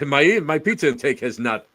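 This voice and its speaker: An older man from Western New York chatting casually on a podcast, animated and teasing, often laughing. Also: medium pitch, unhurried, a little hiss or hum. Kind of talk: casual chat.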